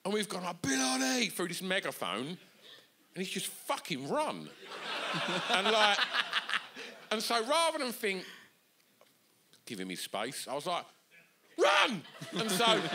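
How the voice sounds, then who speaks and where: A man co-hosting a live podcast in a bar, telling stories with lots of swearing and acted-out shouts. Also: sits high, unhurried, creaky, pauses often, noisy background. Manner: animated, sweary, acts out voices in stories. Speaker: podcast co-host. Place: bar venue with live audience.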